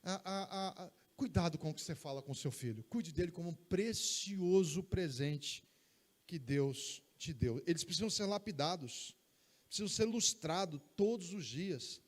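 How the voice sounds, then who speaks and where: Emphatic Brazilian pastor, high voice. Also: male voice, normal speed. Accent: Brazilian Portuguese. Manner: emphatic, animated preaching with acted quotes. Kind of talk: sermon. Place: church service, streamed live.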